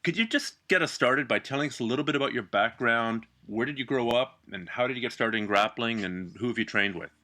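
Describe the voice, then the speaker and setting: A man's voice: mid-range voice, fairly quick, few pauses, bright, forceful tone. A man hosting an interview in a casual, enthusiastic way, speaking. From Canada. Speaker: podcast host.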